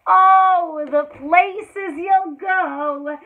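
A teacher in her thirties reads a children's picture book aloud in a very high-pitched, very slow voice, swinging dramatically between hushed lines and loud exclamations. It's expressive storytelling for kids, captured close-up on a built-in camera mic in a small indoor room in front of a green backdrop. The audio sounds tinny, almost like a phone.

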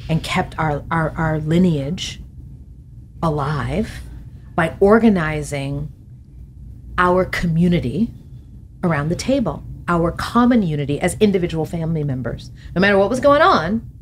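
A middle-aged author appears as a podcast guest in a studio interview, speaking thoughtfully into a boom-arm studio mic. Her voice is on the low side, she gestures animatedly with her hands and laughs often, and there's slight background noise.

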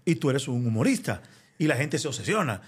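A host with a husky, breathy voice and a lively, swooping pitch. He interviews his guest casually and drops in quick teasing jokes. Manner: joking interjections and teasing follow-ups. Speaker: podcast host.

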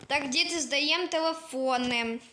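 A strict, bossy schoolteacher, voiced by a boy, fires questions at her class and hands out marks with little patience. The voice sits high and stays fairly plain, like a kid acting teacher in a home skit. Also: unhurried, sharp tone, heavily acted. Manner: bossy, quizzing pupils and grading.

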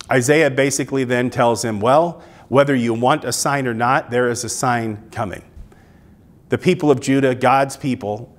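Casting: man, 30s, pastor, earnest recorded sermon, middle-pitched voice, lapel mic. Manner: earnest, gestures with both hands. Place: small church stage with drum kit and Christmas decor, indoors.

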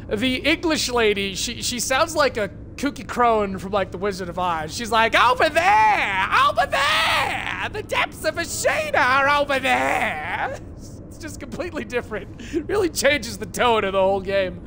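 A man commenting on a game as he streams it, chatty and joking and full of quick asides. His voice sits fairly high. A faint background noise runs under it. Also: a bit bright. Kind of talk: casual gameplay commentary.

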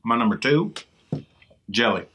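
A man's voice: mid-range voice, animated, unhurried, a bit bright, a little hiss or hum. A middle-aged man chatting casually and teasingly as the host of a video. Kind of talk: casual chat. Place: inside a fast-food restaurant, seated at a table.

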